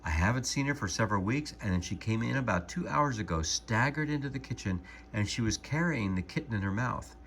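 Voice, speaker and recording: A man voicing a kind, worried older woman who owns a cat, in a soft, trembling voice, reading a storybook aloud. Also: on the low side, lively intonation, a little fast, hardly any pauses, a little hiss or hum, pitched above the performer's own voice. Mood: bewildered.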